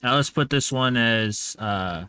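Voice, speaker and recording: Guy running a d&d game, slow talker, bright tone, dry room. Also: medium pitch, smooth, dry recording. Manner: unhurried, stops to place tokens. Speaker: game master.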